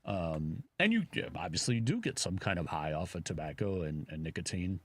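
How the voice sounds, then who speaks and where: A man's voice: low-pitched, big pitch swings, a little fast, slightly rough. A man with a Chicago accent, co-hosting a radio talk show and chatting casually in a rambling way, full of fillers. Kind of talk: casual chat.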